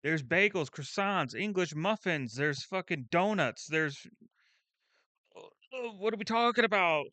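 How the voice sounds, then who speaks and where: A man's voice: high-pitched, animated, unhurried, sharp tone, no room sound. A young man hosting his channel, reacting to a food video in casual, blunt commentary, swearing freely and thinking aloud with restarts.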